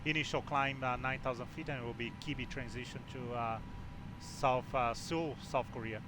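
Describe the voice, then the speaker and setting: A man playing a flight simulator, making pilot radio calls in aviation phraseology, halting with frequent fillers between phrases. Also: medium pitch. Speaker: flight simulator pilot on online air traffic network. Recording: steady background noise.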